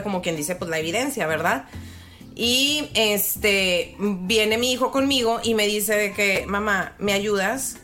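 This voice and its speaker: A woman in her thirties with a Mexican Spanish accent and a mid-range voice co-hosts a podcast, chatting casually. She tells a lively story, swearing freely and acting out the quotes.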